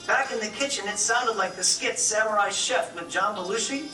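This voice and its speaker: A man tells a rhyming story with a wry touch. His voice is very high and unhurried. It is heard from a distance in an echoey room, with music underneath. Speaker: narrator.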